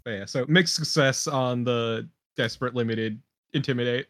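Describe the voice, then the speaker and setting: A man's voice: mid-range voice, moderate pace, fairly bright tone. A man playing in a tabletop game, blunt and joking, swearing casually. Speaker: player.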